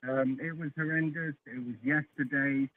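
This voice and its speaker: A male caller whose call audio has gone muffled and faint, dropping out as he speaks, talking hesitantly with filler pauses. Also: medium pitch, fairly even intonation, recorded from a distance. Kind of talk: call-in chat. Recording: muffled phone-line call.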